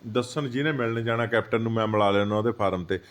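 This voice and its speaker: A man's voice: lowish voice, fast talker. A man, a party leader answering political questions in a heated, emphatic way. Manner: heated, emphatic, acts out what others say. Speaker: senior party leader, interviewee. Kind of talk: political interview.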